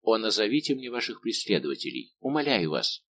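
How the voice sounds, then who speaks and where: A man's voice: fairly low pitch, big pitch swings, a little fast, gravelly, slight background noise. A man voicing a passionate, lovesick young king who speaks insistently, in an audiobook. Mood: impassioned.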